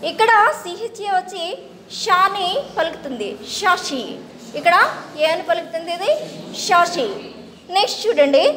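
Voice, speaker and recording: A woman teaches English pronunciation in a very high voice. She spells each word out slowly, letter by letter, then says it again and asks the class how to pronounce it. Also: a bit bright. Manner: spells words out slowly, then repeats the sound; asks students to read aloud. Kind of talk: classroom phonics lesson.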